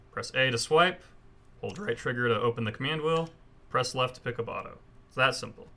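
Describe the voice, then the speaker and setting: Speaking as a speedrunner showing others the route, a man gives casual commentary on a gameplay tutorial and explains each step informally. His voice is mid-pitched, bright and forward.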